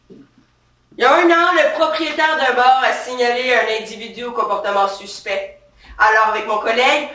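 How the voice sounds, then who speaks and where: Pitched on the high side, a woman's bright, forceful voice carries the role of a brash policewoman who swaggers, bosses people around and is quick on the trigger, touchy and proud of her authority. She's a stand-up character performer doing a satirical comedy monologue on a theatre stage, recorded far off with a roomy stage sound.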